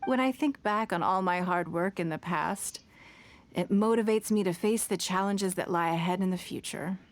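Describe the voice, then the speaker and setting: A woman voicing a self-made young businesswoman in a video game, calm and earnest, who is fond of fish and picky about food. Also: lowish voice, moderate pace, natural voice. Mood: reflective. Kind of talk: game character dialogue.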